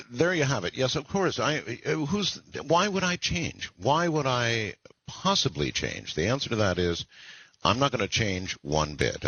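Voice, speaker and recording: An older man in his sixties hosts a late-night radio call-in show, and his husky, low voice rises and falls a lot as he rambles along with many pauses. The sound is dry and a little muffled, like an old lo-fi broadcast. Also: fairly bright tone, dry recording. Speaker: radio talk show host. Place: broadcasting from the Philippines.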